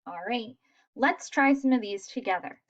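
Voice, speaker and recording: A woman teaching a phonics lesson to young children, sounding out letters slowly and praising answers. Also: on the high side, lively intonation, muffled recording. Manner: slow, sounding out letters, encouraging.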